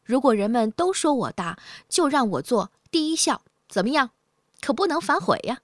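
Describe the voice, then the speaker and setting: Brief: woman putting on a cocky, shrill storybook mouse, small and sly, pitched high with a bouncy, lively lilt. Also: moderate pace, dry recording, clean studio sound. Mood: boastful. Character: boastful sly little male mouse.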